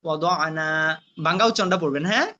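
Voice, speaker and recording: A man teaching Arabic letter reading, spelling out syllables slowly and often checking with his students. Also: sits high, sharp tone. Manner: slow drawn-out syllables, frequent checking "right?". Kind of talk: spelling-out recitation lesson. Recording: muffled lo-fi sound.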